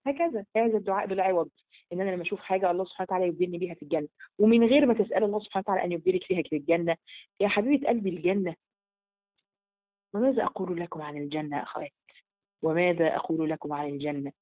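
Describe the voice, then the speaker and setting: A woman with an Egyptian accent gives a religious lesson to a group of women, speaking at a very fast clip. She keeps asking rhetorical questions and answering them in casual colloquial speech. The sound is narrow and tinny, as if heard over a phone. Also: fairly low pitch. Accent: Egyptian Arabic. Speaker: religious teacher.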